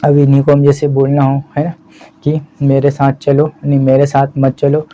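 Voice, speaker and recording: A man teaching spoken English in Hindi, explaining slowly and checking in with "है ना" again and again. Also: medium pitch. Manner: slow, repeats "है ना" as a steady check-in. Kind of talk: explaining a language lesson in Hindi. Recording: slightly dull lo-fi audio with faint background hiss.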